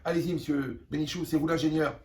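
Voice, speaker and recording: A man teaching a lively class to teenagers, repeating phrases, asking if the class follows, and acting out little scenes. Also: on the high side, fast talker. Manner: animated, repeats phrases, asks the class "vous me suivez"; acts out little scenes in quoted voices. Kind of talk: lively spoken lesson to a class. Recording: voice from a distance with faint room noise.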